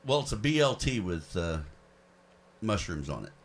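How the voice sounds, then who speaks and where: A relaxed male radio co-host in easygoing banter with his co-hosts. He talks in a loose, chuckling way. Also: fairly low pitch, moderate pace.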